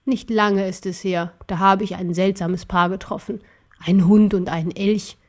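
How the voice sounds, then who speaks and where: A woman's voice: medium pitch, fairly even intonation, close to an everyday voice. Woman playing a scornful ancient emperor. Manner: slow, scornful and gloating. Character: arrogant ancient male emperor, cruel and cold. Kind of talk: audiobook character voice.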